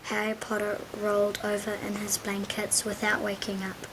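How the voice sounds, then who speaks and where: A woman reading a children's storybook aloud in a gentle, unhurried way, dropping to a whisper at times. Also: medium pitch, completely flat delivery, background noise. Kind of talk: children's audiobook read-aloud.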